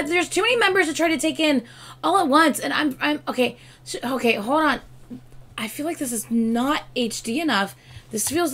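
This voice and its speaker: Her voice sits high and hoarse as this K-pop reaction YouTuber in her thirties laughs and exclaims her way through a casual vlog. She's indoors at her desk, captured by a webcam, with shelves of albums and collectibles nearby.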